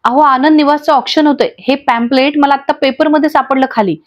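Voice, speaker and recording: A woman's voice: high voice, fairly even intonation, brisk, highs cut off, natural voice. A woman voicing a distraught young wife who pleads and accuses through tears in a storybook recap. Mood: tearful, angry. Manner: pleading, accusing, breaking into sobs.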